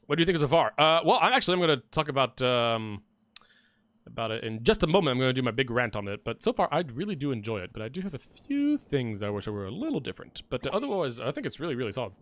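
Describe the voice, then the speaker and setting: A man giving animated live gameplay commentary as a streamer, who keeps addressing his viewers as friends. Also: medium pitch, fast talker. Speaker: gaming streamer.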